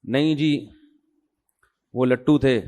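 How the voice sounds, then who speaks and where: A man's voice: mid-range voice, fairly even intonation. A middle-aged Pakistani man giving a conversational religious talk, telling cases and getting emphatic as he makes his points. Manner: conversational, storytelling, acts out quoted voices; grows emphatic and louder when making a point. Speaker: religious scholar. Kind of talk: informal Urdu religious talk to an audience.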